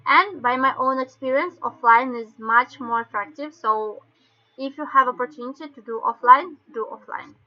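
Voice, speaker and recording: A woman with a Russian accent explains things step by step in halting non-native English, like an informal online training session. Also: high voice. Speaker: webinar presenter. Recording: dull lo-fi webinar call audio.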